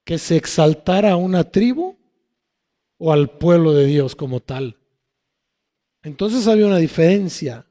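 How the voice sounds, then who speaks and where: A male pastor gives a sermon at a slow, deliberate pace in a fairly high, mellow voice. He keeps posing rhetorical questions and answering them himself. His voice rings with the long reverb of a church hall.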